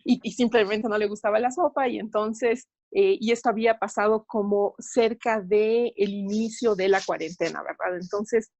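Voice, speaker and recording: A woman's voice: mid-range voice, normal speed, hardly any pauses, darkish tone, no echo. A woman psychologist speaking as an interview guest, explaining patiently, often adding tag questions and light laughs. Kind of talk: interview talk.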